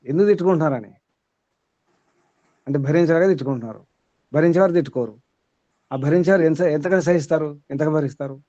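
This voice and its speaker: A man's voice: on the high side, quick pace, long pauses, dark tone, dry recording, muffled recording. A man teaching a small group as their spiritual guide, asking rhetorical questions and repeating his points.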